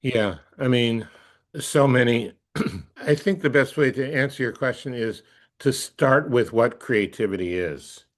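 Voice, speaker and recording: In a conversational interview, a man with a mid-range voice answers as a coach. He thinks aloud thoughtfully, speaking haltingly and repeating phrases.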